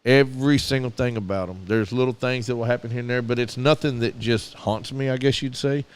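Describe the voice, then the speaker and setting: Telling stories earnestly on a casual radio podcast he co-hosts, a middle-aged man with a Southern American accent talks fairly quickly. His smooth, mid-range voice keeps a fairly even intonation. He frequently restarts his sentences.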